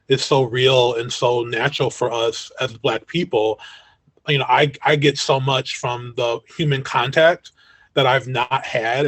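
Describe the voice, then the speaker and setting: A man's voice: medium pitch, a bit bright, dry recording. A man moderating a video-call panel discussion, talking in a reflective, affirming way.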